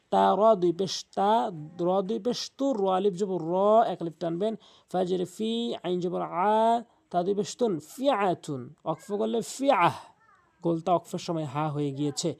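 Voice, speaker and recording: A man teaching Quran reading, patiently spelling out each letter with its vowel, then chanting the verse slowly and drawn out. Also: sits high, gravelly, a little mellow. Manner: patient, repetitive instruction with frequent pauses. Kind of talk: spelling-out recitation lesson.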